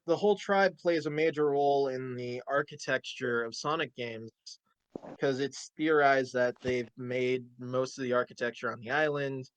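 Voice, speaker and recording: A man's voice: mid-range voice, smooth, no echo. A man hosting a casual talk show, rambling through game lore with plenty of fillers and restarts. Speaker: host. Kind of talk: casual podcast chat.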